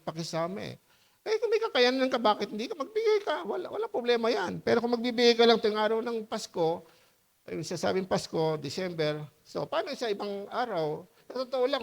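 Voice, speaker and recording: A man preaching a sermon as pastor in a loose, conversational way, often asking the congregation questions and laughing as he tells stories. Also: vocal fry. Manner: lively, with high-pitched voiced quotes and laughter.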